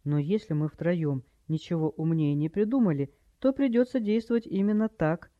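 A man's voice: on the high side, moderate pace, no echo, natural voice. A man reading an audiobook, voicing a practical, resolute teenage girl who speaks matter-of-factly, in a dry, slightly dull recording.

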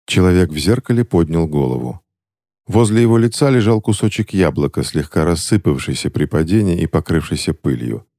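A man narrating an audiobook story in a measured, even way. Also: low-pitched, creaky, no room sound, clean studio sound.

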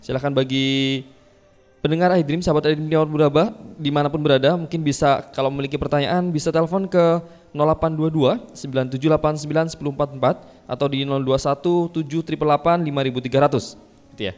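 A man's voice: a little high, steady tone, quick pace, darkish tone. A man hosting a live AM radio talk show in a conversational way. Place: studio with attendees present. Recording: long reverberant hall sound.

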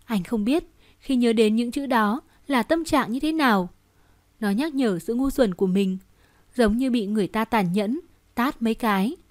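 Woman, audiobook narrator, fairly high voice, steady expressive storytelling, dry close sound. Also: moderate pace, dry recording. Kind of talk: scripted narration.

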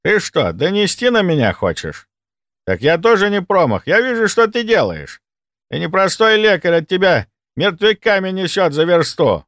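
Man doing shrill old orderly, cowardly thief, whining, squeaky high voice, storybook reading. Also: sing-song, normal speed, fairly bright tone, no room sound, studio quality, heavily acted. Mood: threatening. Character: cowardly thieving old male morgue orderly.

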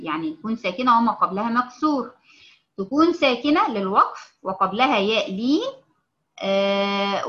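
A woman with an Egyptian Arabic accent teaching a tajweed lesson, explaining slowly, checking often that her students follow, and drawing out each example word. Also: mid-range voice, fairly bright tone, echoey room, lo-fi sound. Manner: stretches out example words when reciting them. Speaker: Quran recitation teacher.

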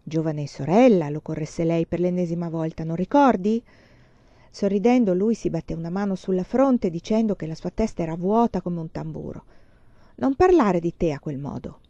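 A woman reads a novel aloud in a measured, expressive voice, mellow and warm in tone. The room is dry and the recording slightly dull. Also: fairly low pitch, dry recording. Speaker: reader. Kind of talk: storybook reading.

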